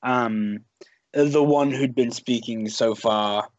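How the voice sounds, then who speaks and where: A man narrating as game master of a tabletop game in a casual, halting way full of "like" and "um". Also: mid-range voice, no room sound, lo-fi sound.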